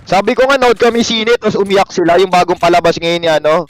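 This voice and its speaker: A young Filipino man with a light, high voice, chatting and joking with his viewers while he plays a game. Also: fairly even intonation, fast, no echo. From Philippines. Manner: joking, self-mocking banter with chat. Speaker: game streamer. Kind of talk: casual live-stream chat while playing.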